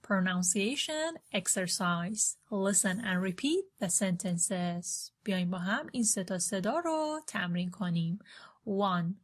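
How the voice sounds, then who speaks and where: A woman teaching a beginner English lesson. She reads the English examples slowly and clearly, then explains quickly in Persian. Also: mid-range voice, animated. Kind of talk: language lesson.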